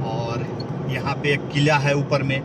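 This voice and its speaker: A man's voice: mid-range voice, fairly even intonation, a little slow. A man vlogging from a moving car, pointing out the mountain sights in a chatty way. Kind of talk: travel narration while driving. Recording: loud road noise in a car.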